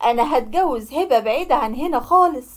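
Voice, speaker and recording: A woman's voice: sits high, lively intonation, quick pace. A woman with an Egyptian accent voicing a curt, defiant young man in a cartoon story. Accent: Egyptian Arabic. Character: defiant young man, harsh to his mother.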